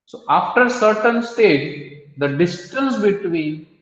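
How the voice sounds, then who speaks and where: A man's voice: high-pitched, animated, slow pace, a bit bright. A man lecturing a mathematics class, explaining step by step and quizzing students. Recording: echoey hall, dull lo-fi sound.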